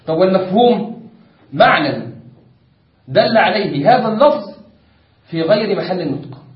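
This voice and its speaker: A man's voice: sits high, lively intonation, normal speed. A man with an Egyptian accent teaching a religious law lesson, patiently repeating his points and quizzing students. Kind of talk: classroom lesson explaining a text. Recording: echoey room, distant dull mic.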